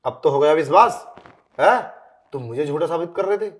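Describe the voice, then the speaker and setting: A man playing an angry husband and master of the house who shouts accusations in a short film drama. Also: a little high, expressive, fairly quick, close to an everyday voice.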